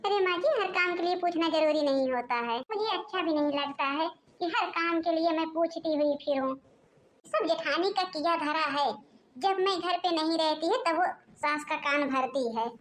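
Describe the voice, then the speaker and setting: A woman's voice: extremely high pitch, moderate pace, fairly bright tone, a little hiss or hum. A woman voicing a sassy, picky young daughter-in-law from the city in a cartoon, complaining and talking back. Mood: defiant. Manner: complaining, snappy.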